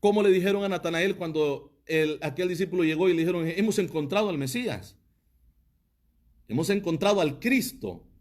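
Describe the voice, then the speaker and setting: A male pastor, his voice sitting a little high for a man. He preaches a livestreamed teaching sermon and keeps pressing his listeners with rhetorical questions. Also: animated, brisk, darkish tone. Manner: asks the audience many rhetorical questions; reads out viewer comments.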